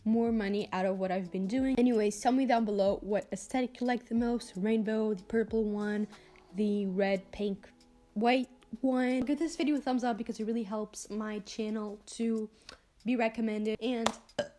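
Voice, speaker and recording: Chatty teenage girl vlogger, bright-pitched. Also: steady tone, moderate pace. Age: teens. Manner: chatty, lots of "like" fillers, gushing. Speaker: vlogger and freelance designer. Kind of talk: casual vlog talk over screen recording.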